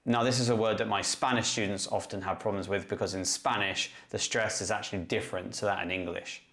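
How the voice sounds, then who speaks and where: A man who teaches English, talking through a step-by-step tutorial in a clear, methodical way. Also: on the low side, fairly even intonation, brisk, fairly bright tone. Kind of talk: classroom-tech tutorial explanation.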